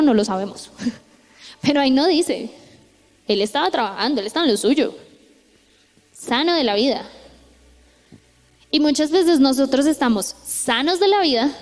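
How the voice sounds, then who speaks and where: A young Colombian woman with a high-pitched voice and a Colombian accent gives a chatty youth sermon full of stories, retelling them with energy and often checking in with tag questions. It's a conversational sermon recorded in an echoey church hall.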